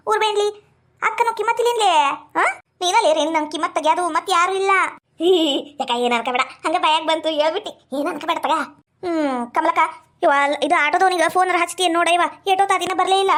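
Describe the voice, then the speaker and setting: A woman's voice: extremely high pitch, a bit bright. A woman with a North Karnataka Kannada accent in a scripted village comedy sketch, scolding and bickering. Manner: scolding, quarrelsome banter. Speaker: village women comedy cast.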